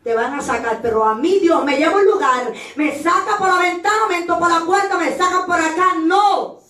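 A woman evangelist giving an impassioned Pentecostal sermon, rising to shouts at times and acting out the voices of others. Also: very high voice, a little fast. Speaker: evangelist preacher. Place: church. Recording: echoey church hall, mic at a distance.

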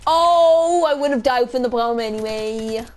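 A woman's voice: on the high side, fairly even intonation, brisk, darkish tone. A young woman giving casual gameplay commentary, swearing and ranting in frustration with sudden outbursts. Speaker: gaming YouTuber.

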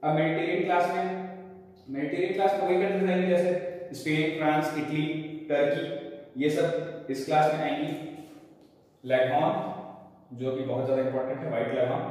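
A man's voice: fairly high pitch, darkish tone. A male veterinary lecturer giving an exam-prep lesson, patiently repeating lists and speaking directly and informally to his students. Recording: echoey hall, mic far off.

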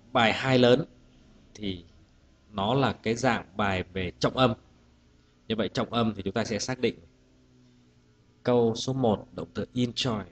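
Man, teacher, lowish voice, exam-prep lesson, patient, methodical. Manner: patient, methodical, repeats each English word twice. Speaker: English teacher.

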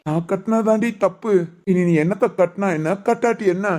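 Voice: medium pitch, normal speed, a little mellow, close to an everyday voice. An actor voicing a sarcastic husband in a Tamil cartoon, teasing his wife and grumbling to himself. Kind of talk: cartoon voice acting.

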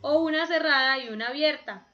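Teaching grammar to kids online, a woman speaks in a bright, high voice at a slow, patient pace, over muffled, low-fidelity call audio.

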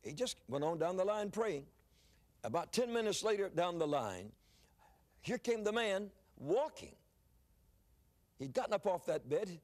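Lively older male preacher. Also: high voice, a little slow, long pauses. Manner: lively, repeats words when starting phrases. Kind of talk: sermon storytelling.

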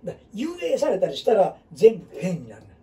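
Gravelly Kansai man, lively, rambling. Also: high-pitched, quick pace, far from the mic. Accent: Kansai Japanese. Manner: rambling, talks in dialect with many fillers and asides. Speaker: teacher of a group. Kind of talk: casual classroom talk.

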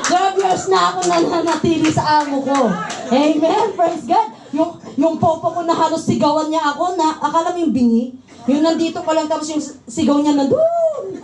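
A woman with a Filipino accent giving a church testimony, telling her story in a lively way with frequent laughter. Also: sits high, normal speed, echoey room, crowd noise, rough recording. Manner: lively storytelling, laughing often, acting out quoted voices. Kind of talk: sermon with personal testimony.

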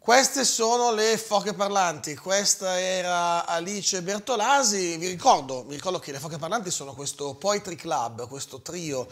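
A man's voice: sits high, animated, a little slow, hardly any pauses, a bit bright. Chatty man hosting morning radio. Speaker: radio host. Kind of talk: casual radio chat.

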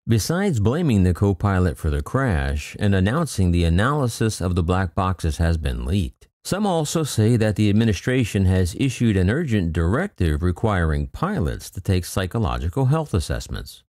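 A man hosting an aviation channel reads news reports aloud as scripted commentary, tacking wry, skeptical asides onto the quotes. His low, darkish voice has a sing-song lilt at a normal speed with hardly any pauses, recorded at studio quality with no echo.

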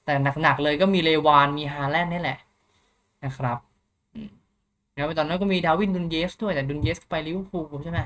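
A man's voice: on the high side, fairly quick, fairly bright tone, a little hiss or hum. A young man hosting a football news channel, chatting casually through the latest updates with many polite filler particles and thinking aloud.

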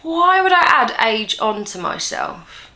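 A woman's voice: on the high side, very animated, takes it slowly, sharp tone. A woman in her twenties chatting casually to camera in a rambling, self-mocking way while answering viewers' questions. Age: 20s. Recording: roomy echo.

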